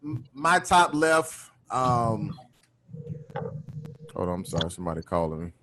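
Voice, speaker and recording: A man's voice: lowish voice, very animated, unhurried, noisy background. A man hosting a casual comedy podcast over a video call, talking in a laid-back, slangy way with lots of fillers. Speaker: podcast host. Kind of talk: casual chat.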